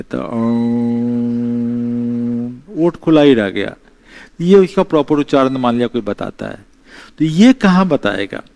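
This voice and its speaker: A man giving an exam-prep history lecture, explaining slowly, repeating key terms and mixing in English phrases. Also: fairly high pitch, creaky, darkish tone. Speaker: teacher.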